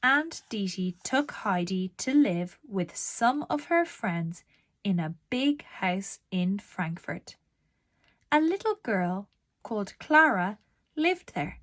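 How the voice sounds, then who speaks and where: A woman reads a children's storybook aloud in a deliberate, expressive storytelling manner. Her voice is mid-range, and there is no room sound.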